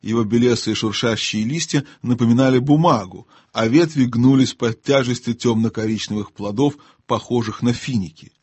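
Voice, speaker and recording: A man narrating an audiobook in a calm, expressive storytelling manner. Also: mid-range voice, normal speed, hardly any pauses, breathy edge, no room sound. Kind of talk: scripted narration.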